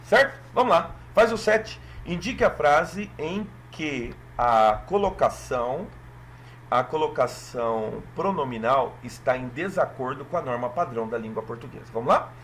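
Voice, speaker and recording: A man from Brazil walking through an exam in a lesson, lively and checking in with listeners often. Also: mid-range voice, normal speed, a little hiss or hum. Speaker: teacher.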